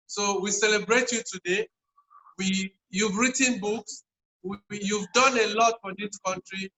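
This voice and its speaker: A man's voice: high-pitched, pushed and bright, low-quality recording. A man hosting an online tourism meeting, effusive and repeating himself as he introduces a guest. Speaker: host of an online tourism session. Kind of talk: casual online meeting host.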